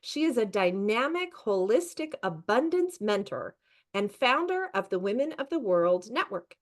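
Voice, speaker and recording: A woman's voice: medium pitch, very animated, normal speed. A woman hosting a podcast interview, introducing her guest with enthusiasm. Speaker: podcast host.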